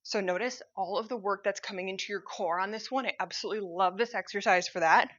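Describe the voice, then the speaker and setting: A woman with a bright, forceful voice coaches a cardio workout while moving along with it. She talks in an upbeat, encouraging way and cues each exercise as it happens. The audio is slightly dull and muffled. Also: medium pitch, fast talker. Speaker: fitness instructor.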